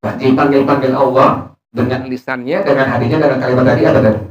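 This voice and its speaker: A man's voice: mid-range voice, flat delivery, fast. A man teaching a religious study session, reading Arabic lines and explaining them in casual speech. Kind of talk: Islamic study sermon. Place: prayer room. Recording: echoey room, distant mic.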